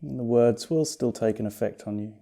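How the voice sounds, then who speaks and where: A man with a medium-pitched voice and some vocal fry guides listeners through a yoga meditation. As the teacher, he keeps a calm, slow pace and a soothing, reassuring manner.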